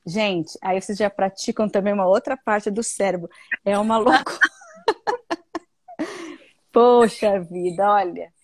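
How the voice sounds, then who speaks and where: A Brazilian woman hosts a casual live English class, chatty and friendly with her viewers. Her voice sits in a middle pitch and sounds dry and close, with little room around it. She slips English words into her Portuguese. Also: a little slow, pauses often, no echo. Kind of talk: casual live online lesson.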